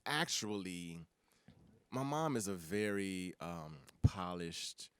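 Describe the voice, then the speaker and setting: A middle-aged man from the Bahamas, a comedian guest telling stories in an animated, chuckly way with lots of loose fillers. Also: sits low, slow, smooth, no echo. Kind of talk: casual interview chat.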